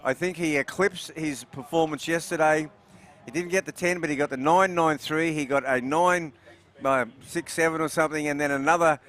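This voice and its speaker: A man's voice: fairly high pitch, fairly even intonation, a bit bright, faint music behind. A man commentating a surf contest, enthusiastic and often restarting his words. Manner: enthusiastic, halting, repeats words. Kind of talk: live sports commentary interview.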